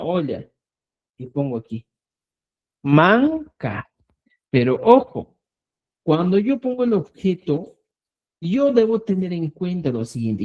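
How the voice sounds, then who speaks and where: A man's voice: high voice, dark tone, lo-fi sound. A man teaching a Quechua lesson, repeating words and checking in with his students. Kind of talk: online language lesson.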